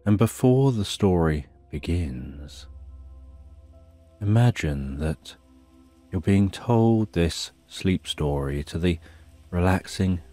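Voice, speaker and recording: A man narrating a bedtime sleep story in a calm, soothing, unhurried way with long pauses, as a sleep story narrator. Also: rumbling low. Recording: soft rain behind the voice. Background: rain.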